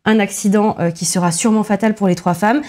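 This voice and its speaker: Woman, mellow voice, chatty film talk. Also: mid-range voice, fairly even intonation. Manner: many filler pauses, restarts, self-deprecating asides. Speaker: film podcast co-host. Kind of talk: casual film analysis chat.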